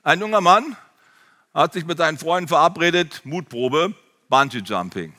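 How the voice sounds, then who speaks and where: A male pastor preaching a sermon and addressing the congregation directly in an animated way. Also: on the high side, normal speed, big-room sound.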